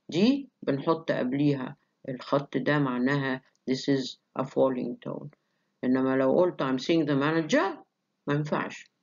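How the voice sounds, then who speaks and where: A woman with an Egyptian accent giving a university phonetics lecture, mixing Arabic with slow, carefully spoken English examples of rising and falling pitch. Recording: dull, lo-fi lecture recording.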